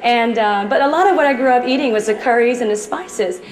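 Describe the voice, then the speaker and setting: A woman's voice: a little high, a little fast, soft background music. Chatty woman in an echoey store. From Trinidad. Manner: chatty and upbeat, jokes with the crowd. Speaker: chef giving a cooking demonstration. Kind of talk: live in-store cooking demo to an audience. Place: department store demo kitchen.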